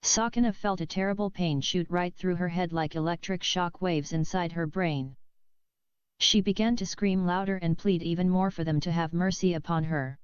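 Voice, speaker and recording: A woman narrates a book chapter in a steady, measured audiobook reading. Her voice is exceptionally smooth and sits a little low. The recording is dry and close, with a slightly dull, lo-fi sound. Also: dry recording. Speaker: audiobook reader.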